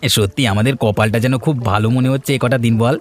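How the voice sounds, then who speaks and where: Voicing a cartoon character, a man plays an eager, friendly village man who chats and helps out. His pitch sits in the middle, his delivery is quick, and the acting is light.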